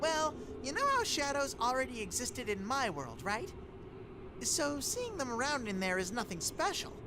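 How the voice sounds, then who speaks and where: A vain, childlike bear mascot from a game, with a high boyish voice that swoops dramatically. Loud noise sits behind the excitable delivery. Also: female voice, normal speed. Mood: puzzled. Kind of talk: video game voice acting.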